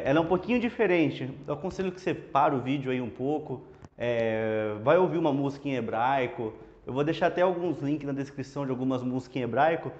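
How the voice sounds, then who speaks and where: Brazilian male teacher, fairly high voice, relaxed and chatty, walks through letters on a board, dull lo-fi sound. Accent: Brazilian Portuguese. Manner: relaxed, chatty, explains step by step. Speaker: Hebrew teacher. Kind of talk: casual lesson at a whiteboard. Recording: dull lo-fi classroom audio.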